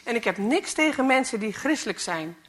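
A woman's voice: on the high side, expressive, fairly quick, lightly acted. Grumpy cynical male mechanic in a storybook reading, read by a woman; scornful grumbling.

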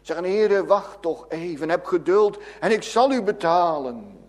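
A man preaching with fervent intensity, his voice set high for a man. He takes his time over each phrase, rising to loud pleas and then dropping to hushed, low tones. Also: expressive, a little slow. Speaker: pastor. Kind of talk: sermon.

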